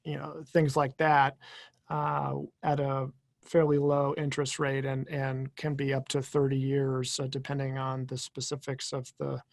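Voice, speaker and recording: A man giving a professional webinar talk as an attorney, measured and explanatory, with fillers and repeated words. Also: medium pitch, completely flat delivery, gravelly, no echo.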